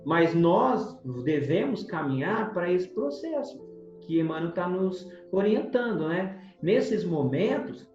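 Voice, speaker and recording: A man co-hosting a spiritist book study, talking in a conversational way and often turning to his co-host. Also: high voice. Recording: roomy sound, dull lo-fi, soft music.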